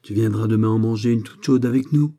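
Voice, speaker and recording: A man's voice: fairly low pitch, a little fast, warm tone, close to an everyday voice. A man voicing an old, small and stocky wine grower with a cautious, mumbling manner. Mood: pleased. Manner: hesitant, mumbling at first.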